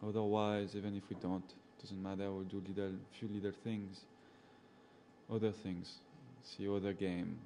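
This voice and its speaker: Here a safari guide with a French accent, from a French-speaking background, hangs out with his live audience, reading out comments and laughing a lot as he addresses viewers by name. The voice is low, the speed normal, and a faint hiss or hum runs underneath.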